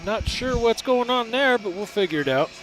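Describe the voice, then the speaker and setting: A man talking casually as a sports broadcast commentator, in relaxed booth banter. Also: extremely high pitch, moderate pace, faint music behind, low-quality recording.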